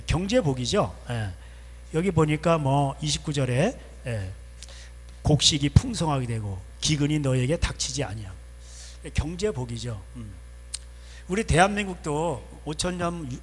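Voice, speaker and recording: Korean pastor preaching in a reverberant church. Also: male voice, on the high side, breathy edge. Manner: conversational preaching, frequent affirming "yes" asides and rhetorical questions. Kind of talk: sermon. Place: church sanctuary.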